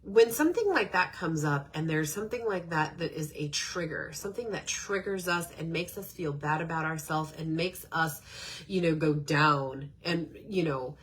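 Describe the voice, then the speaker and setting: Speaking at a normal speed in a low pitch, a middle-aged podcast host sounds nasal from a blocked nose. Her casual self-help talk is chatty and rambling, dotted with frequent fillers.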